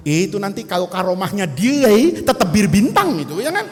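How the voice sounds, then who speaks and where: Animated high-voiced preacher in a hall. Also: male voice, brisk, a little hiss or hum. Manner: animated, acts out characters, jokey asides. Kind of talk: humorous sermon storytelling. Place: mosque or hall gathering. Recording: long hall reverb.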